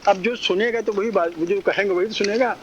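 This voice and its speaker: Male spiritual teacher, high voice, repetitive teaching cadence with frequent chuckles; muffled lo-fi recording. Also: fairly even intonation. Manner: chuckling often, drawn-out teaching cadence, repeats phrases. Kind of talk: spiritual discourse. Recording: dull lo-fi recording, faint noise.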